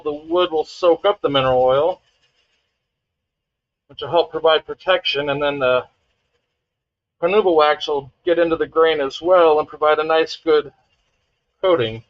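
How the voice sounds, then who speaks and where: A man casually explaining his woodturning steps while he works, in a relaxed, halting way. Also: a little high, no room sound, muffled recording. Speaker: woodturner streaming a demonstration. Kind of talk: casual live-stream commentary.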